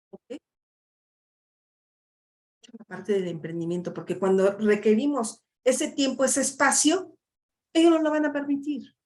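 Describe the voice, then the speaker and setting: A woman's voice: a little high, darkish tone. A middle-aged woman, a life coach giving a chatty workshop talk full of tag questions. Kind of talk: live online workshop talk.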